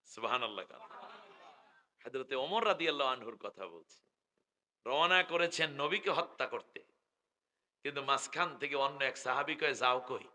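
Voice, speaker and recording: A middle-aged man with a Bangladeshi Bengali accent, preaching loudly through a stage microphone at a public gathering, joking with the crowd and drawing out his call phrases. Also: mid-range voice, lively intonation. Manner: loud, joking, drawn-out chanting of call phrases. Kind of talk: live sermon with crowd call-and-response. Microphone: stage microphone through loudspeakers.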